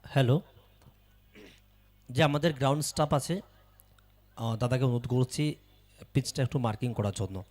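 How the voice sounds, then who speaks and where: Loud male cricket match announcer, mid-pitched. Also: normal speed, long pauses.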